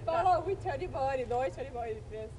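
Young woman, very high lively voice muffled by full cheeks, noisy street recording. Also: a little fast, over a noisy crowd. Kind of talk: casual party-game chat. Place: outdoors on a street at dusk. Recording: noisy outdoor camera, traffic behind.

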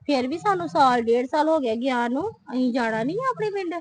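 A woman's voice: sits high, animated, brisk, background noise. A woman playing a young wife who complains, sulky and aggrieved, in a short family film. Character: young wife sulking about her sister-in-law. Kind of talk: scripted short film acting.

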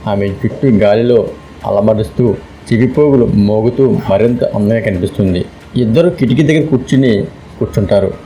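A man narrating a romantic story in a calm, steady scripted read. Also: on the low side, normal speed, slight background noise, poor audio.

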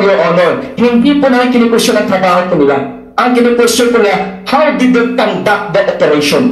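A man speaking as a church minister at a formal hearing, very deferential with constant "po" and "Your Honor" while pressing pointed questions. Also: high voice. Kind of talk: impassioned formal testimony. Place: large hearing room. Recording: very echoey hall with faint music.

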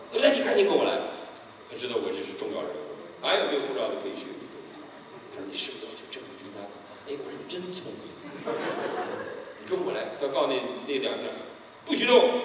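A man's voice: mid-range voice, a bit bright. A middle-aged man preaching an evangelistic sermon, telling his story vividly and acting out the people in it. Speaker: pastor. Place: church sanctuary. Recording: echoey hall, distant mic, noisy.

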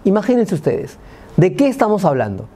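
His warm, high voice swings hugely in pitch and moves a little fast, with a bit of hiss or hum in the audio. The young Peruvian-accented anchor sits at the desk of a small TV news studio, presenting live news and interviewing with emphasis and repeated phrases.

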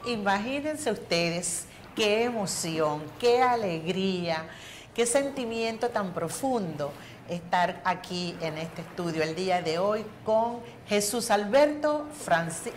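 A woman's voice: medium pitch, expressive, slow, a little hiss or hum. An older woman with a Venezuelan accent hosting a TV studio interview, introducing her guest effusively. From eastern Venezuela. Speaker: TV host.

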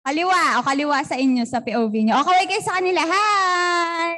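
A very high-pitched woman with a Filipino accent warms up a youth crowd. She is playful and coaxing, cheering and calling out to the group. Her voice sits far above most women's. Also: animated, very fast. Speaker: youth fellowship leader. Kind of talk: energetic crowd warm-up.

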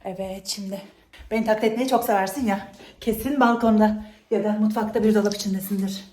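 A woman's voice: medium pitch, steady tone, fast talker, a little mellow. A woman chatting casually to viewers as a vlog host, in a playful, teasing way. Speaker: vlog host and game player. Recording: roomy echo, faint background noise.

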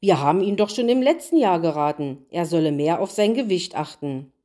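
A woman voicing a whiny, ever-freezing male snowman in a storybook reading, with a high wailing voice. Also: lively intonation, brisk, dark tone, lightly acted. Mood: fretful.

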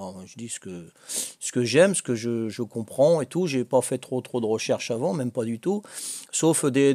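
An older man with a Corsican French accent chats casually on a home video as a vlogger learning a language. He's hesitant, full of fillers and restarts, and cracks little jokes. His voice is medium-pitched and darkish, recorded with clean studio sound and no room sound.

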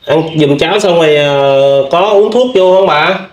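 A man hosting a video, gently questioning an older woman with many fillers. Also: sits high, moderate pace, echoey room. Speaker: vlog host interviewing. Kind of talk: casual interview.

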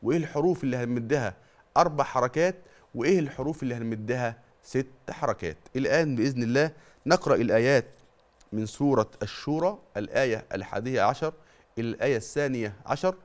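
Egyptian man teaching Quran recitation rules. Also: mid-range voice. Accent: Egyptian Arabic. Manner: drills terms by question and answer, stretching out long vowels to demonstrate. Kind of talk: TV tajweed lesson.

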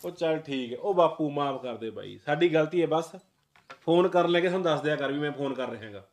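A man's voice: fairly high pitch, expressive, a little fast. A man playing a grumbling, defensive son who gives in when his sister scolds him. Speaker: son, head of the household.

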